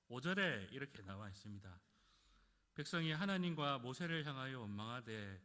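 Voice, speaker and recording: A man preaching a sermon, addressing the congregation with rhetorical questions and dramatic swings in volume. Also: fairly bright tone. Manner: dramatic rises and drops in pitch and volume. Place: church sanctuary. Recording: church hall reverb.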